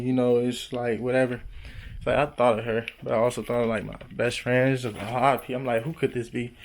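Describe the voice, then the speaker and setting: A young man in his twenties chats on in a relaxed vlog monologue. His voice sits at an ordinary middle pitch. He drifts between laid-back slang and sudden excited jumps upward. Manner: loose slangy talk with sudden excited high bursts. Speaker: vlogger. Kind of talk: casual rambling monologue.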